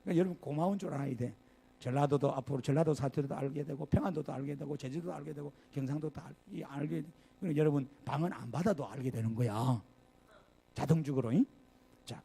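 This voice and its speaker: Gravelly older pastor with Gyeongsang accent. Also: male voice, on the high side, fast. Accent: Gyeongsang Korean. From Gyeongsang region, Korea. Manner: lively, conversational preaching with asides and rhetorical questions. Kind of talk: sermon. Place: church sanctuary.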